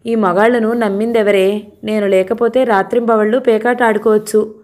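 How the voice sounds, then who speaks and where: A woman voicing a blunt, sharp-tongued older sister in a novel reading. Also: mid-range voice, level tone, moderate pace, close to an everyday voice. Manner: blunt, scolding.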